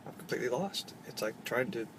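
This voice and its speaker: A man's voice: mid-range voice, lively intonation, fairly bright tone, slight background noise, poor audio. Hesitant man recapping an outing. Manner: halting, lots of uh fillers and restarts. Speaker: church outreach volunteer. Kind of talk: casual chat and recap.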